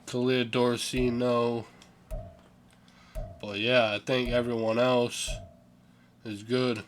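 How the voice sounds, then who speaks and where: A man's voice: medium pitch, level tone, slow pace, a little hiss or hum. A young man giving casual, offhand commentary over a sports video game, yawning and sleepy, swearing now and then and stumbling over names. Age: young adult. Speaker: gaming channel host.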